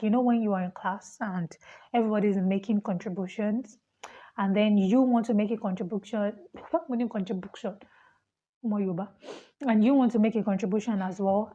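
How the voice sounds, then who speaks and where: A young woman with a Nigerian accent, a fast talker who laughs often as she speaks casually to camera about being a student. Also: medium pitch, warm tone, dull audio. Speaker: vlogger, international student.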